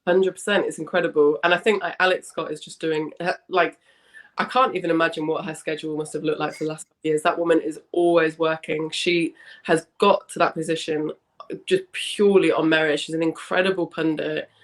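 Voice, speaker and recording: A young woman, hoarse from a cough with a slight smoker's rasp, chatting in a rambling, self-correcting way as an interview guest. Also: deep voice, fairly even intonation, brisk. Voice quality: slightly husky, smoky rasp. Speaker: interview guest, founder of a women's football fan community. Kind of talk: casual interview chat.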